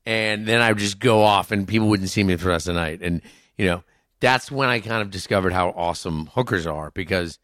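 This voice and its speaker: A middle-aged man with a lowish voice tells his stories frankly and with self-mocking humor, cursing casually as he goes. The sound is close and dry, with no room around it. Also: fairly quick, a bit bright, no room sound. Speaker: podcast guest, author. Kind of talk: candid conversational storytelling.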